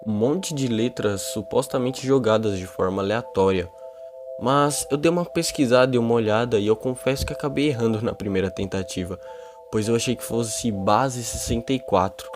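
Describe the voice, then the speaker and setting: Over background music, a man with a Brazilian accent narrates and explains a horror video informally as a YouTube narrator. His voice is medium in pitch and his pace is normal.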